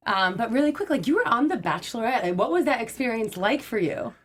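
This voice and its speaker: A woman's voice: a little high, sing-song, fast. A young woman hosting a casual panel show, bubbly and upbeat. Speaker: host.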